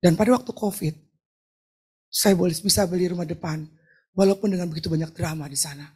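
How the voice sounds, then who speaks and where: A middle-aged woman pastor from Indonesia preaching a lively, joking sermon with a personal testimony, often asking the crowd to answer back. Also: fairly low pitch, fairly quick, slightly rough. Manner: chatty, joking, asks the crowd for replies; acts out quoted talk in shifting voices. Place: church hall.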